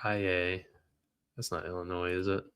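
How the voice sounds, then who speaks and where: A man's voice: low-pitched, little pitch movement, moderate pace, a bit bright, smooth. A man trading live on a stream, reading out viewer comments and venting when trades go against him. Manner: frustrated, talks to chat while reading comments. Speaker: livestream trader.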